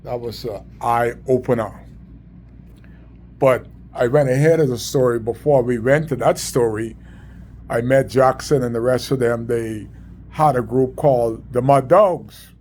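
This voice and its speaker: A middle-aged Bahamian man with a Bahamian accent, telling community stories in an emphatic, repetitive, preaching way. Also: medium pitch. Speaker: community sports organizer. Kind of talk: storytelling monologue.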